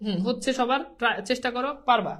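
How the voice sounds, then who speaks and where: Woman, high voice, teacher, repetitive quizzing, pronunciation lesson. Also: fast. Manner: drills by repeating words, quizzing students.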